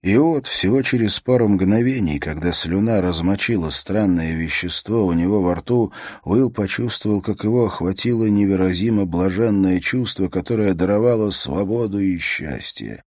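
A man reading an adventure novel aloud as an audiobook narrator, in a measured, steady storytelling manner. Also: low voice, no room sound, clean studio sound.

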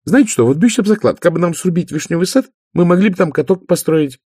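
Youngest sister, young woman, restless and eager, high and fast, played by a man. Dry, husky. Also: animated, dark tone, no echo. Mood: restless pleading. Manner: eager, whiny, rushed. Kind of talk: audiobook character voice.

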